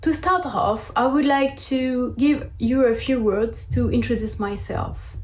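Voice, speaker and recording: Speaking unhurriedly in a slightly high voice, a French-accented woman in her 30s from southern France delivers a prepared talk as a guest speaker. She's on a video call from an indoor room at home, and her video call mic makes the audio reverberant.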